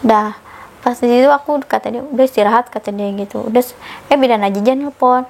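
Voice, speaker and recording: A woman's voice: fast talker, gravelly. A young woman, telling her story casually as a podcast guest and acting out the dialogue she quotes. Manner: animated, acts out quoted dialogue with sudden pitch jumps.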